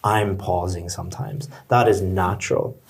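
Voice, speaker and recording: A male English teacher giving encouraging one-to-one spoken feedback on a speaking exam, explaining in quick bursts. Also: low-pitched, fairly even intonation, vocal fry, breathy edge.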